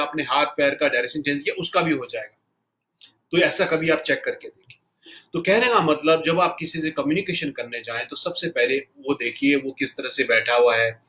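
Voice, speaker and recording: Guy teaching a tutorial, talks fast n loud, bright punchy voice, throws in english words. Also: a little high. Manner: fast, loud and animated, says so himself; mixes English words into Hindi. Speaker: NLP trainer. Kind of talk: spoken tutorial.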